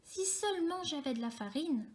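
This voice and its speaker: A woman voicing a kindly, practical old woman in a brisk, homely way. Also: high voice, animated, darkish tone, pitched above the performer's own voice.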